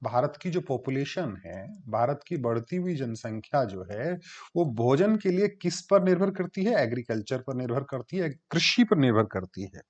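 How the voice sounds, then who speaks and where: A man's voice: mid-range voice, big pitch swings, normal speed. A man giving a classroom lecture, explaining step by step and answering his own questions. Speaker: teacher. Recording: dull lo-fi recording.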